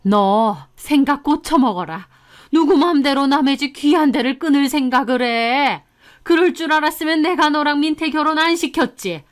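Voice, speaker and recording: A woman's voice: a little high, a little slow, natural voice. A woman voicing an angry older mother-in-law in an audiobook story, scolding in indignant outbursts. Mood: furious. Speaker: narrated story character.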